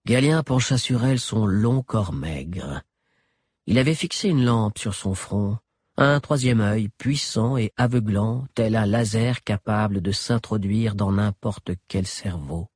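A man narrating an audiobook with an expressive, dramatic delivery. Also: fairly low pitch, measured pace, slightly rough, dry recording, clean studio sound.

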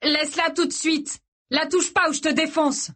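Woman reading young guy tied up and hurting, tense and angry, a bit raised in pitch. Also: fairly even intonation, moderate pace, a bit bright. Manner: tense, pleading then threatening. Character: frightened injured young man, angry and desperate.

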